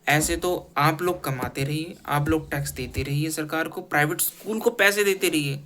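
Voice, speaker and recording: A man's voice: fairly high pitch, normal speed, fairly bright tone, a little hiss or hum. A man from India giving an earnest, critical opinion piece in casual talk, restarting his phrases often. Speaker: commentator.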